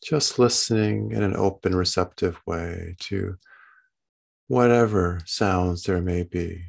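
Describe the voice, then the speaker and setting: A man with a low, creaky voice guides a meditation very unhurriedly. He speaks gently and soothingly, like a bedtime narrator, leaving long pauses between short phrases. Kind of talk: guided body-scan meditation, unscripted.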